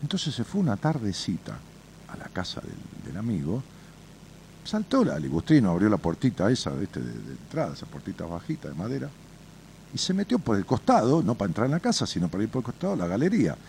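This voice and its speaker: A man's voice: fairly low pitch, fairly quick, gravelly, a little hiss or hum. A man with an Argentine accent giving advice on a radio show, blunt and colloquial, telling folksy stories to a caller. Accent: Argentine Spanish. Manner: blunt and colloquial, swears freely; animated storyteller, addresses listener directly. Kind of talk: advice talk with storytelling.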